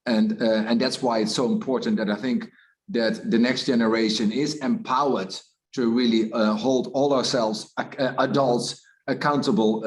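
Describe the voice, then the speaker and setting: A man, the head of an organization, giving keynote remarks over a video call, halting with many uh fillers. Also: mid-range voice. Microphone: video call microphone.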